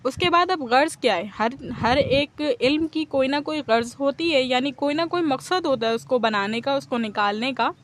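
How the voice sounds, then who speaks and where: High-voiced woman teaching grammar patiently. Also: hardly any pauses, a little hiss or hum. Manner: patient, keeps checking understanding with "okay?". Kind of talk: explanatory classroom lecture.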